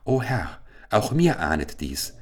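A man's voice: fairly low pitch, very animated, slow, breathy edge, full character voice. A man voicing a lonely, sorrowful enchanted owl princess in a storybook reading, speaking in a plaintive, pleading way.

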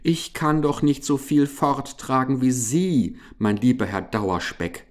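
A man voicing a clever little female field mouse who pleads and whines in a high, plaintive voice. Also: slow pace, lightly acted. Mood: pleading. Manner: whining, pleading, sighing.

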